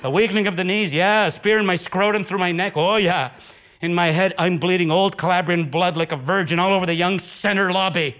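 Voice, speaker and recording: A man performing an intense, profane theatrical monologue with dramatic swings of pitch and volume. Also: fairly even intonation, a little fast, a bit bright. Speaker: solo stage performer.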